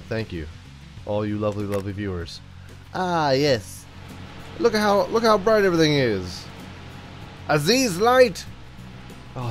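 Stuffed up from a cold, a young gaming YouTuber narrates a playful let's-play, loose and goofy, cracking jokes and slipping into little sung riffs. His voice sits mid-range, and game music plays faintly behind him.

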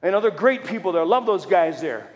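A middle-aged man preaches a testimony sermon in a high, ringing voice, often shouting and joking with the crowd. His words trail off in the long reverb of a big church hall. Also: expressive, fairly quick. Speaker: preacher and fire department chaplain.

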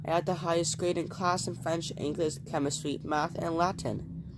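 A man's voice: a little high, fairly even intonation, moderate pace, noisy background, voice pushed up, lightly acted. A man reading the lines of a polite, spoiled rich schoolboy in a prim, well-mannered way.

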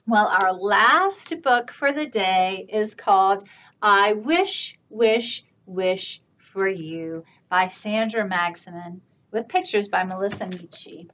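A woman children's librarian reading picture books aloud for storytime, with a warm, expressive storytime delivery. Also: medium pitch, slow pace, highs cut off.

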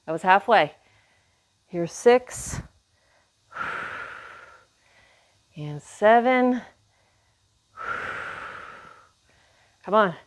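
A woman's voice: medium pitch, animated, drawn-out words, pauses often. A woman in her forties coaching exercise, counting workout reps in short, encouraging cues while exerting herself. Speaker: fitness instructor. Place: indoor home workout room.

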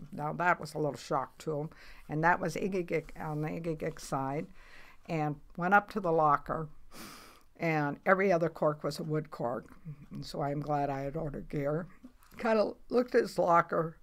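A low-pitched, slightly bright female voice at normal speed tells a casual interview story. The speaker, in her eighties, is a veteran of commercial fishing who wanders through her account plainly and keeps restarting.

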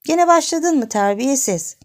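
A woman's voice: high voice, expressive, a little slow, voice pushed up. A woman voicing a cranky deaf old granny. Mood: angry scolding. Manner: scolding, grumbling. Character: eighty-year-old hard-of-hearing great-grandmother, quick-tempered.

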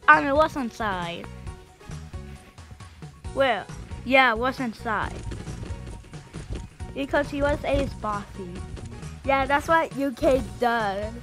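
A woman casually commentating a marble race video in a rambling, chatty way, with sudden excited shouts. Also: sits high, slow, long pauses. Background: background music.

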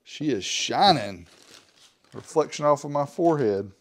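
Hosting a casual unboxing of car audio gear, a man in his forties chats and jokes, now and then talking to himself. His voice is a little high and expressive, and he speaks a bit slowly.

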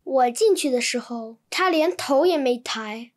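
A woman reading translated textbook sentences in an even, clear manner. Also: sits high, unhurried. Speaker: Chinese translation reader.

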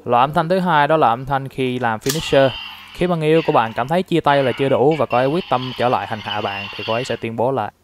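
A man's voice: medium pitch, fast. Guy walking through a toy review, lots of "uh"s, kinda informal, slight hiss and clicks. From Vietnam. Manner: chatty, explains step by step with many fillers. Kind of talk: casual product review.

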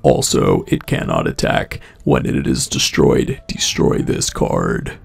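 A man voicing a huge ancient male titan with a gravelly, pitched-down voice, processed with reverb, delay and chorus, reading slowly and weightily. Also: wildly swooping pitch, exaggerated voice. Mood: commanding. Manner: slow, weighty card-reading delivery. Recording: heavy added reverb, long echo tail.

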